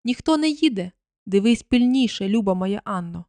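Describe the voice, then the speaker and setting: A woman voicing a frightened young wife in a storybook reading, pleading desperately and rising higher as she begs. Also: lively intonation, moderate pace, a little mellow, no echo, natural voice.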